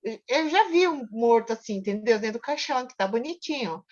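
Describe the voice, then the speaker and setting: A woman's voice: fairly high pitch, expressive, a little fast, darkish tone. A woman with a Brazilian accent in a Bible study, chatting and telling a personal story, often asking "right?". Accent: Brazilian Portuguese. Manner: chatty, tag questions, repeats words. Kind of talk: casual discussion and personal storytelling. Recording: muffled lo-fi recording.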